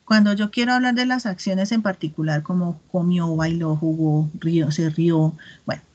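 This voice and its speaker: A woman's voice: lowish voice, fairly even intonation, darkish tone. Patient woman teacher, dull lo-fi audio. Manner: patient, checks understanding with frequent "¿listo?" and "¿mm?"; reads English examples slowly and carefully. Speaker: English teacher. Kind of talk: recorded grammar lesson.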